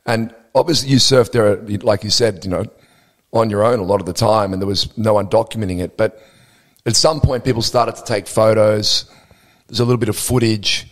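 A man's voice: lowish voice, a little fast, long reverb tail. A man hosting a podcast interview, asking long, winding questions full of hedges. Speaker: podcast host, magazine editor.

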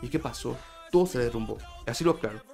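Over soft background music, a medium-pitched man with lively intonation, vocal fry, and a mellow tone talks quickly about a fight. As an MMA commentator making an opinion video, he hammers his points to viewers, repeating himself despite a sore throat and a slight fever.

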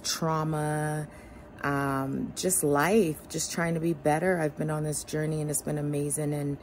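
Low, creaky-voiced woman in an ice bath. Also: a little mellow, a little hiss or hum. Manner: speaking while sitting in an ice bath. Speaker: vlogger addressing followers. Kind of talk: casual, heartfelt talk to camera.

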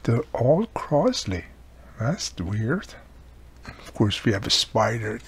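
Slow but very animated, a gravelly-voiced man with a mid-range pitch narrates his hands-on radio repair. As host, he works at an indoor workbench and talks in short, casual remarks. Background room noise fills this noisy recording.

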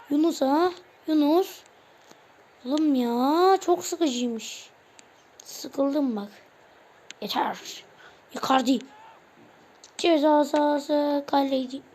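High-voiced woman calling a football video game. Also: darkish tone. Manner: calls out player names in quick bursts, exclaims at plays; frustrated, grumbling at the game. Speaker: gaming channel host. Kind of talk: casual live gameplay commentary.

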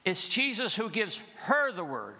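A middle-aged man preaching an Easter sermon from the pulpit of a large church, using rhythmic repetition and dropping low for the dark passages. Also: wildly swooping pitch, a little slow. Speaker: pastor. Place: large church sanctuary with choir behind. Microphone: pulpit microphone. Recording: long reverb of a large church.

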